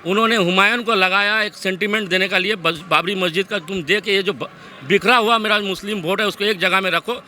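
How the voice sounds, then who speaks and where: A man in a street interview lays out his argument at length, his voice pitched high and very bright. A faint noise sits under him outdoors. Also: brisk.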